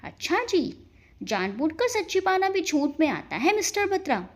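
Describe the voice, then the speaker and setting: A woman's voice: very high-pitched, sing-song, normal speed. A woman playing a playful, lovestruck young wife. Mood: affectionate. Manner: playful, pleading.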